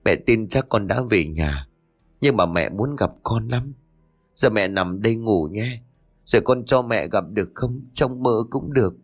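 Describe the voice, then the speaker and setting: A man's voice: medium pitch, fairly quick, breathy edge, soft background music. A man voicing a grieving middle-aged mother who pleads tearfully, in a spoken ghost story. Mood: whispering longing.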